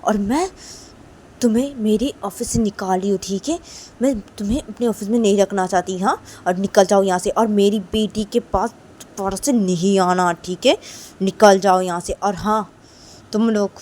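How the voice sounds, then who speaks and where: A woman voicing a stern, rich woman boss who barks loud scolding orders at her guards. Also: mid-range voice, normal speed, voice pushed up, close to an everyday voice. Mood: angry commanding.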